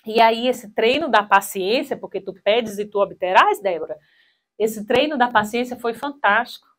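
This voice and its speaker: A woman in her thirties gives a spiritual talk full of personal stories, speaking into a handheld mic in a small hall. Her voice sits a little high and her pace is moderate, and she's animated, acting out the voices she quotes.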